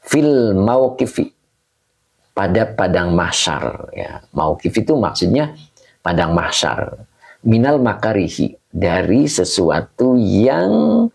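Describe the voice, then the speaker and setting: A man teaching a religious text at an unhurried pace, his low voice gravelly and a little husky. He patiently repeats each term and keeps asking his listeners questions, with a pitch that rises and falls freely. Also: darkish tone. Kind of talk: slow kitab reading and grammar lesson.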